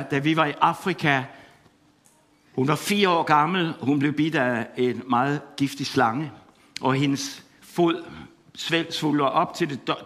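A middle-aged man with a slightly high, somewhat bright voice preaches an impassioned sermon full of repeated exclamations. He tells stories from his own life, laughing as he goes.

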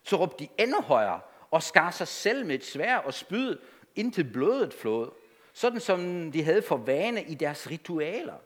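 A man preaching a sermon to a congregation, emphatic and animated, with conversational asides. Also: on the high side.

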